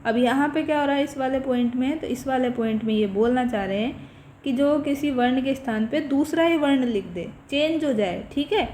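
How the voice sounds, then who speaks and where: Higher-voiced woman teaching a revision class. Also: a little mellow, slight background noise. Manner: explains step by step, often checks with "theek hai". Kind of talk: exam revision lecture. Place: online class recording.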